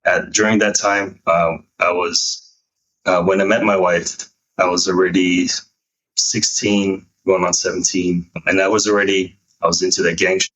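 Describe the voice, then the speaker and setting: A deep-voiced man in his thirties tells his life story as a veteran guest on a talk show. His voice has a husky edge, and he talks in a relaxed, loose way with a bit of street slang. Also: normal speed, rough recording. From United States (San Francisco). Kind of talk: casual chat.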